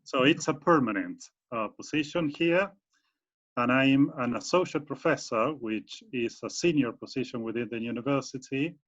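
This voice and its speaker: Here the Argentine professor, a guest on a video call, talks about his academic work with many fillers and restarts in his Argentine Spanish accent. His voice is mid-range, a bit bright and moderately paced, and the audio sounds muffled.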